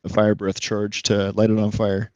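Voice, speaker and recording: A man with a very deep voice talks haltingly as a player, dry and close to the mic with no room around him. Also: monotone, a little mellow, no echo, lo-fi sound. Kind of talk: tabletop role-play.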